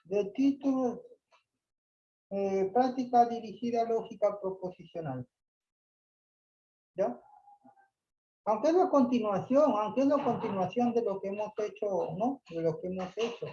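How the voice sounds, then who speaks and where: A man's voice: high voice, a little slow, pauses often, mellow, lo-fi sound, slight background noise. A man teaching a math class online, explaining patiently, repeating points and checking that students follow.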